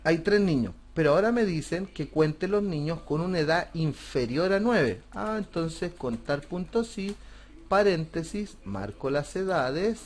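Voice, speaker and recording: A man talks through a spreadsheet lesson step by step. His voice sits a little high, and he keeps checking in with rhetorical questions. It sounds like a close desk or headset mic on a screen recording. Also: a little mellow. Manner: patient, step-by-step explaining, asks rhetorical questions. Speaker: computer class teacher. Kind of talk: screen-recorded software tutorial.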